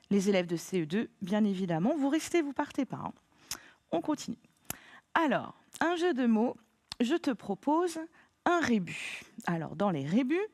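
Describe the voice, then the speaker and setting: A woman's voice: a little high, a little mellow, dry recording, studio quality. A woman teacher giving a remote lesson to young pupils, patient and encouraging, spelling words out letter by letter. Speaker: primary school teacher.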